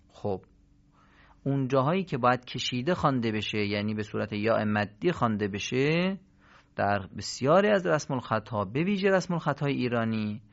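A man teaching the rules of Quran recitation in a radio lesson, patiently explaining and drawing out example words slowly. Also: medium pitch, dull audio.

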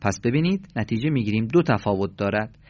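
A man's voice: on the low side, lively intonation, darkish tone, dry recording. A man teaching a recorded lesson on reading the Quran. He spells out letters one at a time and asks questions that he then answers himself. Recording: slightly dull, dry recording.

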